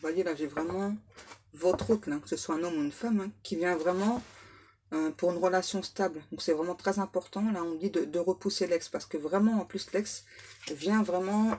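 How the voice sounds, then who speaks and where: Low-voiced woman giving a psychic reading. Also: a little mellow, a little hiss or hum. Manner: repetitive, filler-heavy, insistent. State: clearing her throat often. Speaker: medium giving a card reading. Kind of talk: spoken tarot guidance to viewers.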